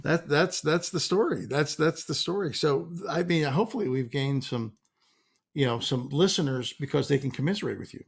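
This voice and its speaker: Gravelly teasing Pittsburgh podcast host. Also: male voice, on the high side, normal speed. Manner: teasing, laughs often, wraps up the show. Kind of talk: casual podcast chat.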